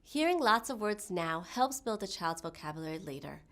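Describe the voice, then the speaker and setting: A woman's voice: medium pitch, very animated, moderate pace, a bit bright. A woman explaining a parenting tip in a scripted educational video. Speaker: hospital staff presenter.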